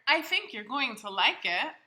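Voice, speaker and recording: Friendly, muddled giant kid-like bird for a picture book, played by a woman: high, lively pitch, earnest and hesitant. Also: moderate pace, heavily acted. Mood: eager, earnest. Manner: hesitant, earnest, folksy exclamations. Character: big friendly childlike bird, earnest, muddled, eager show-and-tell host.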